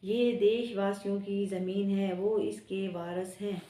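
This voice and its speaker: A stern female Earth spirit issues warnings in a steady, unhurried voice, as a woman narrator puts her on. The tone stays mellow and low-key rather than bright. It sounds roomy and a little distant from the mic. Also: lightly acted. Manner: commanding, warning.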